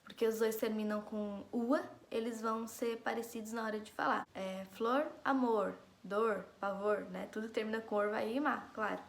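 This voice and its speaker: A woman's voice: a little high, steady tone, normal speed, gravelly, few pauses, echoey room. A woman teacher giving a recorded class lesson in a chatty, explanatory way, stressing syllables one by one and talking straight to her students. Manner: chatty, addresses students directly. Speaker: school teacher.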